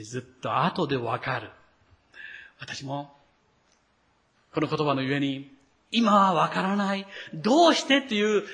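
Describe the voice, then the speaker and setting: A male pastor delivers a sermon in a high, bright voice. He speaks to the congregation directly and acts out the lines he quotes.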